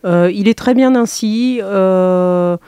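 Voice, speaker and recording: Hesitant woman teacher, dark voice. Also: medium pitch, takes it slowly, smooth, no room sound, studio quality. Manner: hesitant, many fillers and restarts. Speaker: teacher organizing a school trip. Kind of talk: radio interview.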